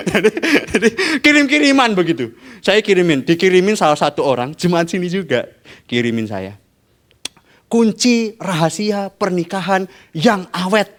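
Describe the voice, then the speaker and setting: Male pastor, high and lively, spins a comic sermon story and keeps talking to his congregation. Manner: animated, playful, addresses the congregation often.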